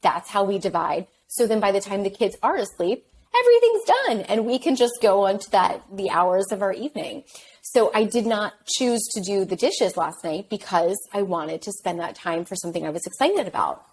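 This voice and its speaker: A woman's voice: mid-range voice, lively intonation, moderate pace, a little hiss or hum, rough recording. A woman who works as a life coach, talking reflectively and reassuringly as a podcast guest. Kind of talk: conversational podcast interview.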